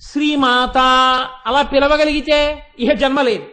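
A man giving a devotional discourse, telling a sacred story with emphatic, dramatic swings between loud calls and hushed asides. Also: very high-pitched, fairly even intonation, unhurried. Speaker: spiritual speaker.

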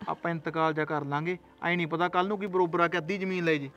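A man's voice: fairly high pitch, steady tone, fast talker, a bit bright, dull audio, faint music behind, natural voice. A man playing a callous greedy son-in-law. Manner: dismissive, pushy. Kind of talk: village short film acting.

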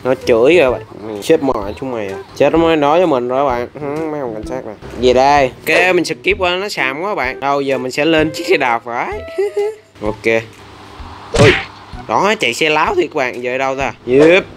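Excitable man gaming. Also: mid-range voice, brisk. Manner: excitable, swears and laughs often, reacts loudly to the game. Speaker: gaming channel host. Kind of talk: casual gameplay commentary.

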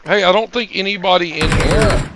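A man streaming a game, talking loud and profane as he bosses his team around. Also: sits high, normal speed, very noisy. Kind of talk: casual gaming chat.

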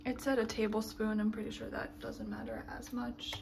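A woman's voice: a little high, level tone, normal speed, creaky. A young woman talking casually through a cooking vlog, narrating each step with frequent ums. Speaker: cooking vlogger. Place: home kitchen. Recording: echoey kitchen with sizzling noise.

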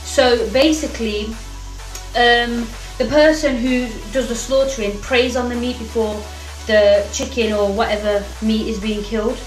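A woman's voice: on the high side, fairly even intonation, measured pace, distant mic. A young woman from the UK with a British accent, chatting playfully on a home cooking livestream and calling viewers darling. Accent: British English. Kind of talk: live cooking chat, reading viewer comments. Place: home kitchen. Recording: roomy kitchen echo. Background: faint music and frying sizzle.

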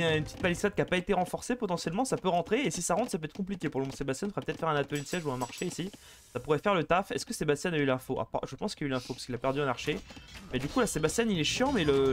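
A man casting a live strategy game match, chatty and excitable, bantering with viewers between plays. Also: a little high, very fast, slight background noise. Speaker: esports caster.

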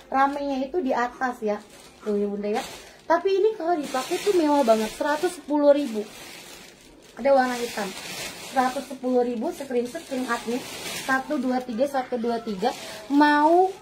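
A woman's voice: sits high, slight background noise. A woman presenting dresses in a clothing shop during a playful live-selling video, laughing often and calling her customers "Bunda". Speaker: online clothing seller.

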